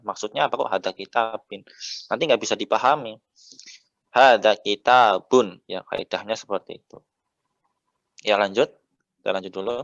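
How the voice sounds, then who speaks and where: An Indonesian man teaching Arabic patiently, often saying "ya" and drawing out the vowel endings slowly. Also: lowish voice, a bit bright, no echo, dull audio. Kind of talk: relaxed teaching.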